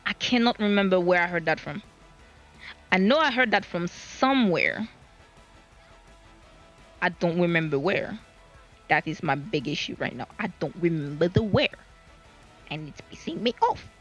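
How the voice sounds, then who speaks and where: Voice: mid-range voice, fairly bright tone, dull audio. A streamer in casual gaming chat, rambling to themselves and swearing freely, recorded on a laptop mic. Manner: rambling, self-talking, swears a lot.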